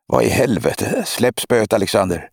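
A man voicing a gruff young father who scolds and shouts in an audiobook. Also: on the low side, very animated, no echo, clean studio sound, heavily acted. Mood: alarmed.

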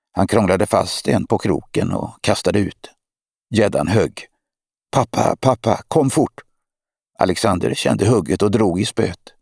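A man reading an audiobook in a measured, steady narration. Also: sits low, gravelly, dry recording, clean studio sound. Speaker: audiobook reader. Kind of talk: scripted narration.

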